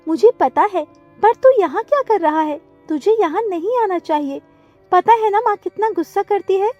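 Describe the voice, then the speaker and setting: A woman doing a shrill crying little girl sparrow. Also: lively intonation, moderate pace, mellow, no echo, highs cut off, faint music behind. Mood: insistent. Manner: crying, pleading.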